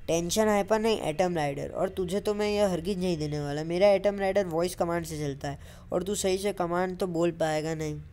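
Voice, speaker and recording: Woman as cocky male comic superhero, lecturing, short-fused, low-set voice, comic voice-over dub. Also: normal speed, dark tone, close to an everyday voice. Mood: bossy. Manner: exasperated, lecturing, hot-tempered. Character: brash young male superhero, bossy and boastful.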